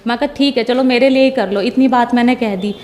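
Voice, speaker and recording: A woman's voice: a little high, fairly quick, a little mellow, big-room sound. A young woman giving a personal religious testimony in casual storytelling, retelling conversations line by line and quoting herself and others.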